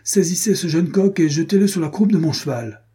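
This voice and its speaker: Proud, wrathful German count, read by a man; husky voice pushed high, commanding and haughty. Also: lively intonation, normal speed, warm tone. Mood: angry. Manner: haughty, barking orders.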